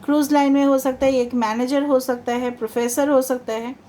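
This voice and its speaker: This tarot reader has a high, mellow voice that stays steady at a moderate pace. She's chatty and reassuring, mixing English into her Hindi and repeating "theek hai" often.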